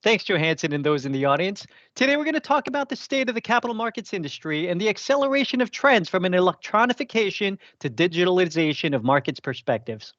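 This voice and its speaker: A man's voice: high-pitched, big pitch swings, fast, few pauses, fairly bright tone, no echo, muffled recording. A man co-hosting a webinar from a remote setup, reading upbeat prepared lines. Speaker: co-host.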